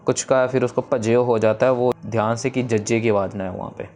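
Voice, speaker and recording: A man giving a pronunciation lesson, explaining each sound and then reciting the lines slowly and drawn out. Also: medium pitch, fairly even intonation, a little mellow, faint music behind. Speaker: Gurbani recitation teacher.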